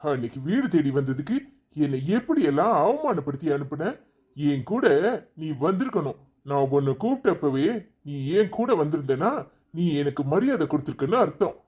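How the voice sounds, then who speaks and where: A man's voice: a little high, very animated, normal speed, darkish tone, breathy edge. A man voicing an angry, stubborn young husband who teaches at a college, scolding and dismissing his wife in a cartoon story.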